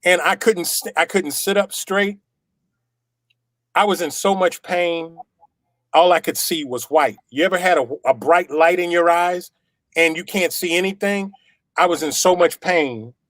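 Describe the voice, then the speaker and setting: Man, middle-aged, personal storytelling, animated and repetitive, slightly high voice, dry close sound. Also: a little slow, dry recording. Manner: acts out quoted dialogue. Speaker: testimonial guest.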